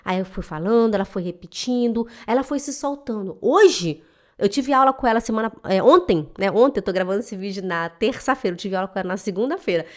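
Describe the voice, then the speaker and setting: A woman's voice: medium pitch, animated, brisk. A woman, a German teacher who speaks emotionally and emphatically straight to her viewers in a motivational vlog. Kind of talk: direct-to-camera motivational vlog. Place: home in Switzerland.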